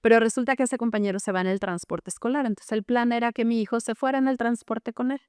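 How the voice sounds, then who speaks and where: A woman's voice: on the high side, fairly even intonation, quick pace, darkish tone, clean tone, no echo, clean studio sound. A middle-aged woman, a therapist telling her own story in an interview, earnest and full of tag questions. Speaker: gestalt therapist, guest.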